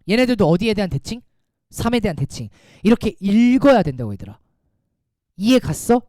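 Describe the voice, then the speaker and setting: A man teaching a math class, talking casually and quizzing his students with quick rhetorical questions. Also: high voice, a little mellow, no room sound, clean studio sound. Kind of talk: classroom lecture.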